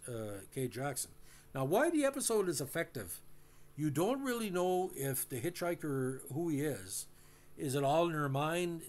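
Man, host, casual commentary, middle pitch, halting, lots of fillers. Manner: halting, many uh fillers and restarts; addresses listeners directly.

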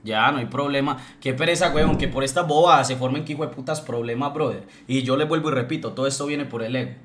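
A man's voice: medium pitch, fast talker, a bit bright, slight background noise. A young man, ranting on a livestream in a heated, blunt way, swearing and repeating himself. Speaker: streamer. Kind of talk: livestream rant.

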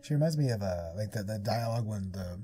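Very low-voiced, lively woman playing games. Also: quick pace, music in the background. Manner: excitable, jokey. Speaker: gaming co-commentator. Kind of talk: casual let's play commentary.

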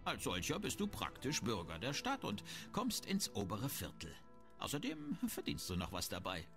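Voicing a grumbling, shrewd town merchant in a fantasy game, this man speaks at normal speed in a gravelly, mid-range voice whose pitch swoops wildly. He sounds businesslike yet haggling, disdainful and self-important, over background music.

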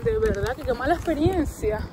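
A woman's voice: high voice, a little fast. A young woman in her twenties talking casually and expressively into a phone held at arm's length outside a shopping mall. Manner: chatty, expressive storytelling. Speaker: vlogger. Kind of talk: casual vlog chat. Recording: noisy outdoor phone recording. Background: street and traffic noise.

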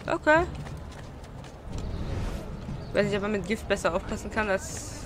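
A woman's voice: medium pitch, lively intonation, fast. A young woman giving casual gameplay commentary, blunt and grumbling to herself. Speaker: let's player. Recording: clear background game noise. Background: game street ambience.

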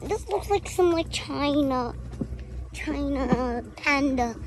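Young woman vlogger, unhurried, exclamatory, filmed on a phone on a noisy outdoor trail. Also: high-pitched. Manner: chatty, exclaiming at sights. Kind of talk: casual hiking vlog. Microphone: handheld phone. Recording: outdoor phone audio with background noise. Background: outdoor ambience.

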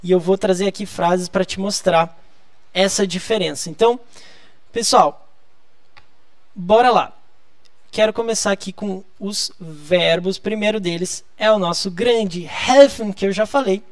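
A man's voice: high voice, unhurried, dry recording. A man from Brazil teaching a live online lesson, explaining patiently and drawing out key words. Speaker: German teacher.

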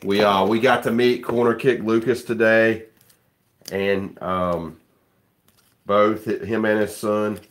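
A man with a low, deep voice hosts a casual live stream from a room at home. He talks in a loose, joking way and greets viewers by name between his remarks. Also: fairly even intonation, slow.

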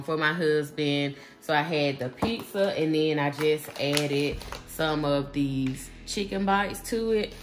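A woman, chatting casually through a grocery haul in her home kitchen, relaxed and full of fillers. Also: low voice. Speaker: vlogger.

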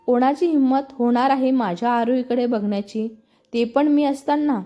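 A woman's voice: sits high, steady tone, moderate pace, mellow, muffled recording, close to an everyday voice. A woman voicing an eager young college man in love, in a storybook reading. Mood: excited.

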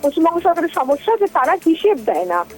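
High-voiced woman reporter explaining. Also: big pitch swings, quick pace, soft background music, rough recording. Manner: hesitant, with fillers and restarts. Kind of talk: live news analysis.

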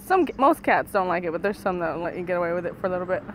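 A woman's voice: lowish voice, expressive, rapid-fire, a little hiss or hum. A woman vlogging while out walking, chatting casually, laughing often and cooing at animals. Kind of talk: casual chat on a walk.

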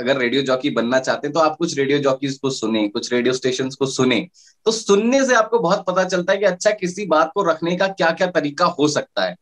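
Radio jockey guy giving interview answers, kinda high voice, lots of uh and restarts. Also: a bit bright. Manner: explanatory, with frequent fillers and restarts.

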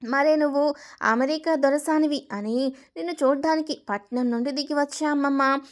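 A cheeky young wife from a spoken family story who answers back with mocking retorts, as a woman narrator puts her on. The voice is fairly high. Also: moderate pace, natural voice. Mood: sassy.

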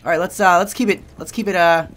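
A man's voice: high-pitched, fairly even intonation, quick pace, fairly bright tone, a little hiss or hum. A man streaming a shooter game with friends, laughing at himself and swearing in casual banter. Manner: laughing, self-mocking, swearing. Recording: game audio and gunfire behind. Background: gunfire and game sounds.

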